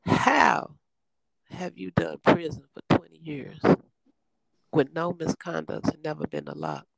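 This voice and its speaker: Lively middle-aged woman telling a story. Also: deep voice, measured pace, vocal fry, low-quality recording. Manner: lively, emphatic, acts out quoted voices. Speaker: guest telling her life story. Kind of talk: animated storytelling in conversation.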